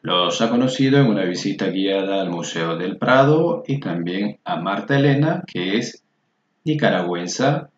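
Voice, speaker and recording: Speaking in a deep, animated voice at a measured pace, a man patiently spells out each Spanish word form during a slow screen-share lesson. The sound is lo-fi, dull and roomy.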